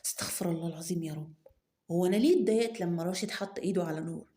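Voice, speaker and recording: A woman's voice: lowish voice, rapid-fire, warm tone, roomy sound, natural voice. A woman with an Egyptian accent voicing a proud, bossy young male businessman who scolds himself under his breath. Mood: uneasy, puzzled. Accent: Egyptian Arabic. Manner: self-scolding muttering, sudden mutters under breath.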